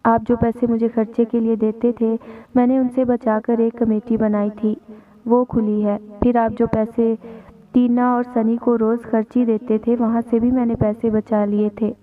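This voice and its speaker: A woman's voice: on the high side, little pitch movement, natural voice. A woman reading the part of a coaxing, sulky young wife in a spoken story. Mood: explaining. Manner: coaxing and pouty. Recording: tinny lo-fi audio with faint music.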